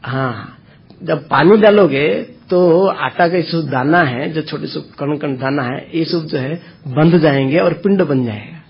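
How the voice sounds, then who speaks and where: Husky guy teaching spiritual stuff in plain homely examples, slightly high voice, dull lo-fi sound. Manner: explains slowly with homely examples, answers listeners. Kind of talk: informal spiritual discourse.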